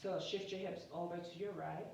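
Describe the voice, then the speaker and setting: A woman guiding an exercise class in a careful, unhurried, deliberate way, cueing step by step in short phrases. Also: on the low side, fairly even intonation, gravelly. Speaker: yoga and pelvic floor exercise instructor. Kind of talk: guided exercise instruction. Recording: very echoey room, distant mic, muffled, faint noise.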